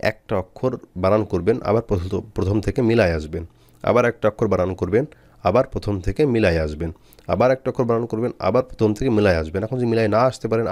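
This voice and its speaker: A man with a very low voice teaches Quran reading. He spells out letter sounds slowly, stretching each syllable, and repeats his instructions with patience. The recording is dry and close. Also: a little mellow, no room sound. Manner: slow, drawn-out syllables when spelling.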